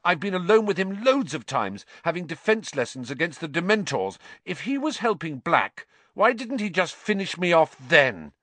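A man voicing a defiant teenage boy who argues and yells. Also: on the high side, sing-song, normal speed, hardly any pauses, no room sound, pitched above the performer's own voice. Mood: pleading.

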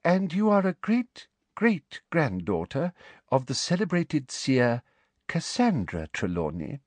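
A man voicing a prim, sweetly menacing female school inspector who speaks softly and coldly. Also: fairly high pitch, huge pitch swings, slow pace, no echo, pitched above the performer's own voice, exaggerated voice. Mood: sweetly probing. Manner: soft, sugary, coldly polite.

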